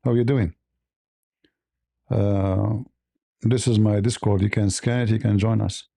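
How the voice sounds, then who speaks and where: A man hosting a livestream debate, raspy and mocking, halting with many fillers. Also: lowish voice, fairly even intonation, warm tone, dry recording, clean studio sound. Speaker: host.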